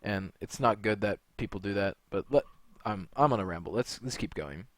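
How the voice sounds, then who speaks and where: A young Californian man, a video creator and gamer, delivers an unscripted monologue to camera that's rambling and blunt, packed with fillers and restarts. His pitch is fairly low, his speed normal, and there's no echo.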